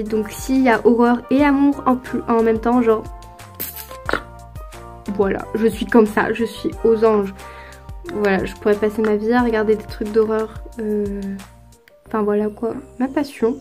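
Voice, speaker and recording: A teenage French girl with a slightly high voice and dark tone answers viewer questions in a casual YouTube vlog. She is chatty and hesitant, with lots of fillers.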